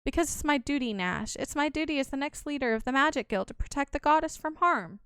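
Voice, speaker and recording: A woman's voice: sits high, fast talker, no echo, studio quality. A woman reading an earnest young guild heir. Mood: resolved. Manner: calm, resolved.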